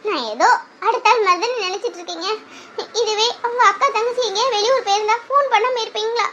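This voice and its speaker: A woman's voice: very high-pitched, fast talker, bright, forceful tone, dull audio, slight background noise. A woman playing a sulking young wife. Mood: reproachful. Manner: reproachful, laughing through complaints. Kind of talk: Tamil audio drama.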